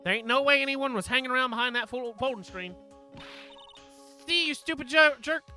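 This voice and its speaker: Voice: medium pitch, fast, sharp tone, faint music behind, voice pushed up, natural voice. A game streamer voicing a snappish, defensive young female witness in a courtroom video game, indignant and stammering. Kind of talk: video game dialogue read aloud.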